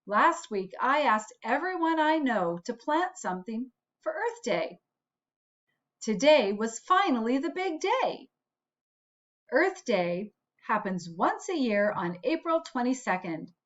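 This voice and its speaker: A school principal reads a picture book aloud to children, her fairly high voice expressive, deliberate and teacherly, pausing for asides to her listeners. The recording is dull and lo-fi.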